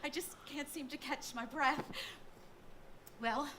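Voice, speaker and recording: An actress playing a nervous, flustered suburban housewife in a stage play. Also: female voice, high voice, fairly even intonation, slow, bright, forceful tone, a little hiss or hum, heavily acted. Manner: flustered, breathless, fretful. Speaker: actor.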